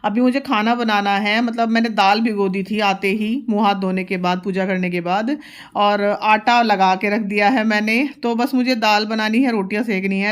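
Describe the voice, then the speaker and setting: A woman in her thirties, a mother, chatting casually through a home vlog and explaining each step. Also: mid-range voice. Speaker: vlogger, mother.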